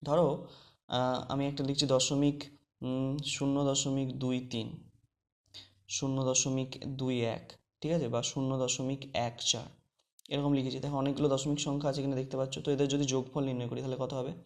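A man's voice: medium pitch, flat delivery, fairly quick, pauses often. A man teaching a maths lesson online. He explains each step and keeps checking whether the class has understood. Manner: explains step by step, asks the class questions often.

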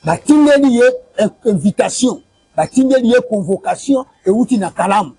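Sitting high, animated, mellow and breathy, this voice moves at a moderate pace in a dry recording. A Congolese man in his forties is being interviewed on a lapel mic in an outdoor courtyard next to a building, and he insistently recounts a family money dispute. He repeats dates and figures and waves documents.

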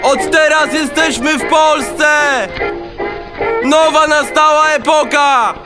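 Casting: young paper seller, very high voice, slow loud hawking over prominent music, audio drama. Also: male voice, steady tone. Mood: excited, proclaiming. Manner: loud, drawn-out proclaiming. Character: excited young newspaper seller hawking the daily news. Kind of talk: street-crier calls in an audio drama.

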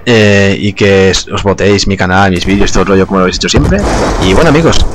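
Low-voiced young gamer, chatty. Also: male voice, fast, noisy background. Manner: relaxed, chatty, swears casually, laughs often. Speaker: gaming youtuber. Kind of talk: casual gameplay commentary. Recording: gunfire behind the voice. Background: game gunfire and explosions.

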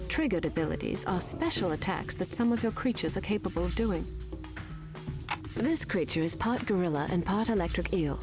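A woman acting as a calm game tutorial guide, narrating in a measured, instructive nature documentary manner. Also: lowish voice, music in the background.

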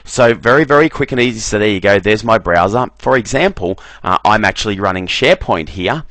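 A man giving a relaxed screen-recorded software walkthrough, often repeating "very, very" as he clicks through menus. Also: on the low side, fairly quick, dry recording. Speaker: software trainer.

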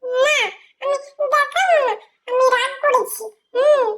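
A woman's voice: slow pace, a bit bright, full character voice. A woman voicing a playful little boy god who whines and giggles about a cold bath, in a doll role-play vlog. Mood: whiny. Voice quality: high childish squeal, giggly. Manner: whiny and pleading, breaking into giggles.

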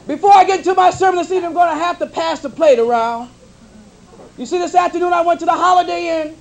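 A man's voice: very high-pitched, fast talker. A man doing a stand-up routine as a preacher, with a preaching cadence and folksy slang on a live comedy stage.

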